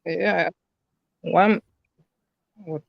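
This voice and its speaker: A man calling into a livestream, talking in a halting, hesitant way while his call audio glitches and breaks up. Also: high voice, steady tone, creaky, no room sound. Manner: halting, hesitant, filler-heavy. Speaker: livestream caller. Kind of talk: casual call-in chat. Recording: muffled online call line.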